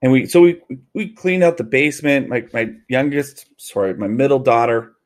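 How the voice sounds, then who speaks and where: A man in his forties co-hosts a podcast, chatting casually, rambling, correcting himself and laughing easily. His voice is medium-pitched at a moderate pace.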